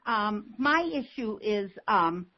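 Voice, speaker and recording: A woman's voice: mid-range voice, lively intonation, slow. A woman calling in over a telephone to ask a question, speaking plainly and hesitantly. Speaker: caller, homeless outreach volunteer. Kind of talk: call-in question, plain personal talk. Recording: dull, lo-fi telephone line.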